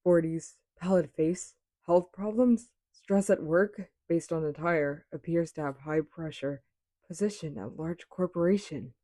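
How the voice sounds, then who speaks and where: Woman acting earnest anime actress, low and mellow. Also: measured pace, dry recording. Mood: pensive, absorbed. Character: earnest, polite young female actress, intensely curious. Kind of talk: anime game fan dub acting.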